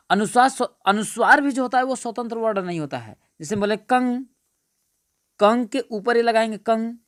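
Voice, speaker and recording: A man's voice: sits high, dry recording, studio quality. A male teacher giving an exam-prep grammar lesson, repeating points and asking his friends rhetorical questions. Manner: repetitive, keeps asking "what is it, friends?".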